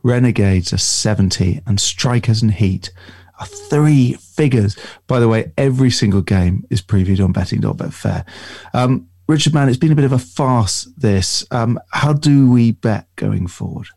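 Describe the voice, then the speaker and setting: Male host, low mellow voice, dry close sound, sports podcast presenting. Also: moderate pace, vocal fry, breathy edge, no echo.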